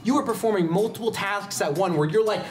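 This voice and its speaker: High-voiced and quick, a young adult man game-masters an improvised tabletop roleplaying session from a desk in an indoor studio. He describes scenes like a storyteller, with background music underneath.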